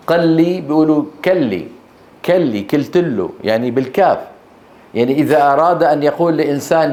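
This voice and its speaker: A man with a Levantine Arabic accent gives a lecture, his voice sitting a little high. He is emphatic and keeps firing short questions at the class. The sound rings around an echoey teaching hall. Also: a little mellow. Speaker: Quran recitation teacher. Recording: echoey room.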